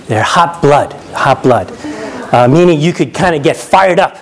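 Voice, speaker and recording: Preaching in an easygoing, talkative way, this man from New York, USA often asks his audience "right?" and chuckles at his own anecdotes. He sounds animated and fairly high, never rushing.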